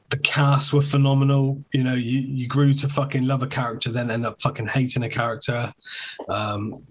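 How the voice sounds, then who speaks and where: A man co-hosting a podcast in casual chat, rambling and sweary, who keeps asking if you know what he means. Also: medium pitch. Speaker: podcast co-host.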